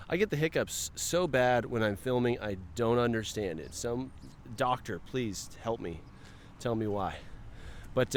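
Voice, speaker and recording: A man's voice: medium pitch, slight background noise. Chatty man narrating a car walkaround. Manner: friendly, chatty, remarks to himself as he goes. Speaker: car dealership presenter. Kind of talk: casual vehicle walkaround narration. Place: outdoors around a car, then inside it.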